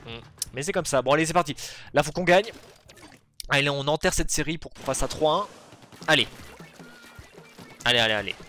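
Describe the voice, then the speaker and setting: A man giving live commentary on his own online match, excitable, shouting at plays and then talking himself down, on a desk or headset mic. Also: on the high side, brisk, pauses often, faint music behind. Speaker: gaming video host.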